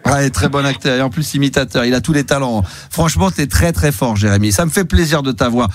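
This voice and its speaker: A man's voice: mid-range voice, fairly quick. A man hosting a late-night radio call-in show, teasing a caller and laughing often. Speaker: radio host.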